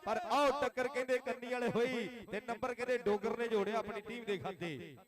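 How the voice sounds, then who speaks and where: Man, very high-pitched, Pakistani Punjabi accent, frantic rural kabaddi commentary, excited repeats, noisy crowd behind. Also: fairly quick. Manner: excited, repetitive, urgent calling. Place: outdoor village kabaddi ground. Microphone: live commentary microphone.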